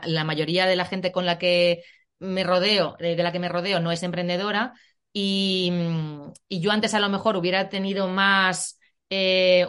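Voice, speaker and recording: A woman's voice: fairly low pitch, a bit bright, clean tone. A woman from Spain with a Spanish accent, hosting a podcast in frank, slangy casual chat. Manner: frank, slangy, many restarts. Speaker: podcast host.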